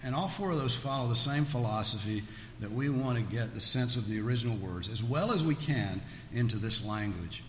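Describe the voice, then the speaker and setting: Brisk and barely pausing, a man with a mid-range voice teaches scripture as a Bible teacher, keeping it conversational and folksy with jokes thrown in. Audience questions are part of the religious teaching, and the large room with its audience makes for an echoey recording with background noise.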